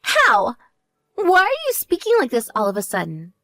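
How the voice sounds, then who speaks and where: Story read: a woman playing a spoiled younger sister, boastful and taunting, pitch high and swooping, dry close sound. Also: wildly swooping pitch, normal speed, a bit bright, dry recording, full character voice. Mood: indignant. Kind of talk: voiced text story dialogue.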